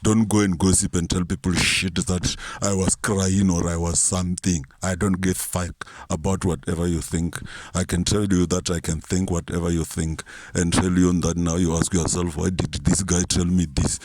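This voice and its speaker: A man's voice: sits low, little pitch movement, moderate pace, darkish tone, no room sound. A man ranting in a boastful, profane comic monologue to camera, posing as a reverend, with frequent stutters and restarts. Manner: profane, boastful, mock-courtroom rant with many stutters and restarts. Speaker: self-styled reverend vlogger.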